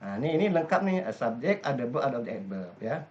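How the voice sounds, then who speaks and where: A man's voice: medium pitch, very animated, fast talker. A man teaching an English grammar lesson step by step, often stopping to quiz his class. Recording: dull lo-fi recording.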